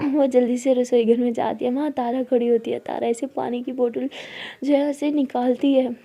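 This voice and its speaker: A woman narrating a love story in a chatty, expressive way. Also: a little high, moderate pace, creaky, lo-fi sound.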